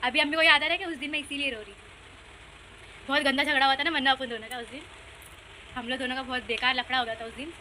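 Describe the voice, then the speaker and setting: A young woman with a high, very bright voice talks fast and animatedly in a casual family vlog chat. Faint household noise sits behind her. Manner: animated, laughs while telling stories. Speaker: vlogger, eldest sister.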